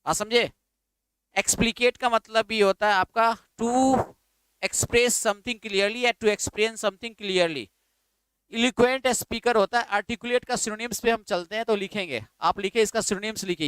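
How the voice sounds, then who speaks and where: A man leads a vocabulary lesson, drilling terms again and again. His voice sits high for a man and sounds clean and crisp. The recording is dry and close, with no room echo. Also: a bit bright. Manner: repetitive, drilling, asks students to write words down. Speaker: English vocabulary teacher. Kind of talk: classroom lecture in Hindi with English terms.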